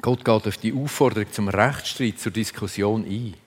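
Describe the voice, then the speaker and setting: A man's voice: lowish voice, normal speed, slightly rough. A man preaching a sermon, earnest and reflective, speaking in short phrases. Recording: long reverb of a large hall.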